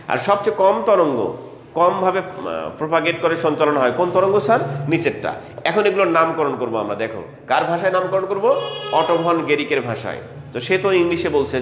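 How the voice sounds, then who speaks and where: Fast-talking male teacher in an echoey hall. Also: on the high side, fairly bright tone, a little hiss or hum. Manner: asks questions and answers them himself; addresses students by name, repeats key terms. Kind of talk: classroom lecture for exam prep. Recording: roomy hall echo with faint ambience.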